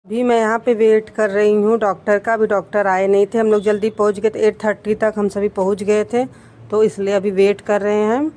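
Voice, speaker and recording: Soft, even-toned woman vlogger. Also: medium pitch, normal speed. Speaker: vlogger and mother. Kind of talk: casual vlog narration.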